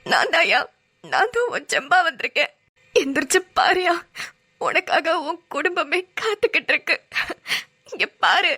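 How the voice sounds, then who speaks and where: High tearful woman voicing a cartoon. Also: big pitch swings, moderate pace, pushed and bright. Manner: tearful, pleading, rural dialect. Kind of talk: melodramatic cartoon voice acting.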